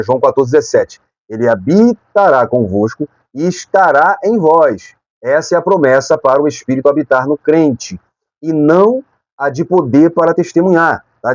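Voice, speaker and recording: A man's voice: fairly high pitch, mellow, no room sound, lo-fi sound. A man with a Brazilian Portuguese accent teaching a Sunday school Bible lesson, explaining point by point and often checking in with his listeners.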